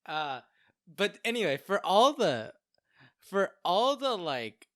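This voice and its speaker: Animated male podcast co-host, lively pitch, dry close sound, jokey and filler-heavy. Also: slow pace, dry recording. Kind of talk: casual chat.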